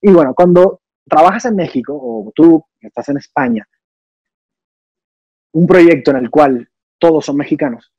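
A young man from Cuba speaks in a casual interview. His voice is dark and husky, and he explains his ideas thoughtfully, with many restarts. The sound is dry and a little dull. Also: fairly high pitch, normal speed, long pauses, dry recording. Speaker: actor and singer, interview guest.

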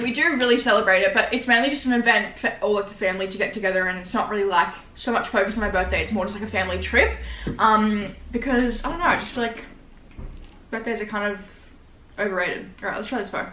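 A woman's voice: medium pitch, fast, sharp tone, slight background noise. A nineteen-year-old woman with an Australian accent chatting casually and slangily in a mukbang eating vlog, recorded in a living room. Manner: informal, slangy, rambling. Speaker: vlogger. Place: small living room, indoors. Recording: roomy indoor echo.

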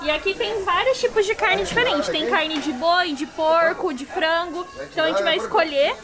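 A woman's voice: very high-pitched, normal speed, over a noisy crowd. A Brazilian woman with a Brazilian Portuguese accent, chatting casually to viewers through a face mask. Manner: chatty, addresses viewers directly. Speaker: travel vlogger. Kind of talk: casual travel vlog. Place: outdoor street food market.

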